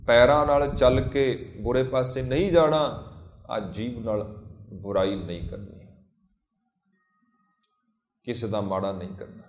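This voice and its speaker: A man giving a Sikh sermon, slowly chanting scripture lines between plain explanations and repeating phrases in lists. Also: on the low side, a little mellow, reverberant. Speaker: Sikh preacher.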